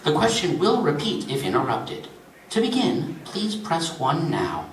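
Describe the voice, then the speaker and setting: A man's voice: a little high, wildly swooping pitch, a little slow, reverberant, distant mic, slight background noise, voice pushed up, full character voice, rough recording. A man voicing a prim automated telephone menu that turns needling, reading aloud to an audience. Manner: clipped menu prompts turning snide. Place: convention reading room.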